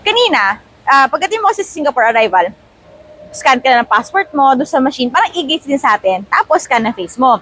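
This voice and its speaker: A woman's voice: sits high, fairly quick, rough recording. A woman in her thirties from the Philippines, a travel vlogger chatting casually and animatedly as she tells a story from an airport terminal. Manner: chatty, animated, mixes in English phrases.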